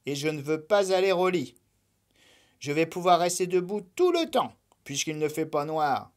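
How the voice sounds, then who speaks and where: A woman's voice: low-pitched, lively intonation, moderate pace. A woman voicing a stubborn young male rabbit who refuses to go to bed, whiny and insistent. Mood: defiant.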